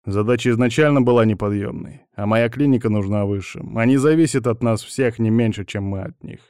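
A man narrating an audiobook in the first person, with steady, even storytelling. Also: mid-range voice, a little fast, clear, resonant tone, no room sound, studio quality.

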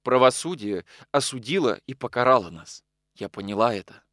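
A man voicing a grieving young woman in an audiobook, speaking in a quiet, restrained way. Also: medium pitch, lively intonation, moderate pace, no room sound, studio quality, close to an everyday voice. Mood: grave. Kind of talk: audiobook character reading.

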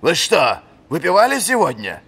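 A man reading an audiobook, voicing a gruff old male fencing marshal who barks commands at his pupil. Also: high voice, expressive, moderate pace, pitched above the performer's own voice, full character voice. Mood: barking. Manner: barking, shouting commands.

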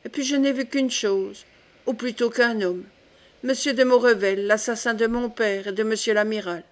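A bold young nobleman who answers his king with perfect composure and quiet defiance. A woman reads him in a fairly high voice. It is an audiobook reading. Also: moderate pace, natural voice. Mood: calm. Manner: calm, composed.

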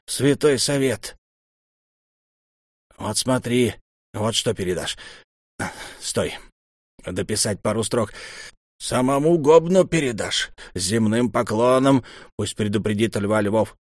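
A man's voice: medium pitch, dry recording, clean studio sound, close to an everyday voice. A man voicing a spiteful, scheming old temple mentor who talks in a gloating, venomous hiss.

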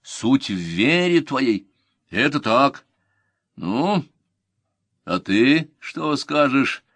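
A man's voice: medium pitch, very animated, extremely slow, fairly bright tone, breathy edge, no room sound, pitched above the performer's own voice, heavily acted. A man voicing a stern ancient general who presses his men with demanding questions, in an audiobook reading. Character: stern male Carthaginian general, commanding.

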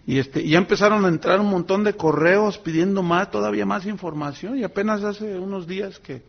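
A man preaching a sermon as pastor, telling stories with lively acted quotes. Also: sits high, fairly quick, gravelly, breathy edge, highs cut off.

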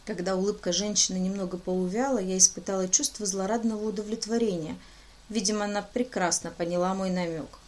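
Woman, audiobook narrator, first-person reading, mid pitch, light character voicing. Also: steady tone, brisk, a little mellow.

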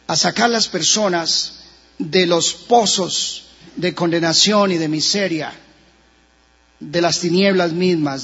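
A Colombian man preaching a sermon as pastor in a church, with sudden rises and drops in pitch. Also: fairly bright tone, husky. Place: church sanctuary. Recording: muffled recording with long church reverb.

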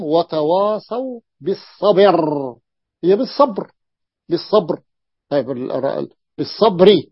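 A man's voice: high voice, dry recording. Dull lo-fi recording of a male teacher lecturing. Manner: repeats points and checks understanding with quick questions; reads quoted text slowly, then explains it. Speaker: religious teacher. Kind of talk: explanatory classroom lecture.

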